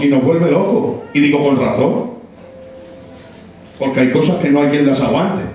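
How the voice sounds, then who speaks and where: A man preaching a sermon, impassioned and building to shouts with repeated phrases. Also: high-pitched. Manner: impassioned, rising to shouted, repetitive emphasis. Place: church hall. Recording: very echoey church hall, mic far off.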